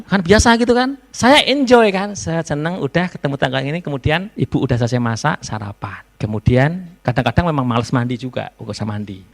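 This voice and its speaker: A man gives a university lecture to students in a lively storytelling way, slipping into phrases. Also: fairly high pitch, creaky. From Indonesia. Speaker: novelist giving a guest lecture. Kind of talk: public lecture.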